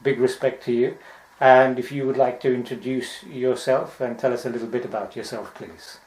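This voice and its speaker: A man's voice: medium pitch, steady tone, moderate pace, a little mellow. A man hosting an interview, asking polite, formal questions. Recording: roomy.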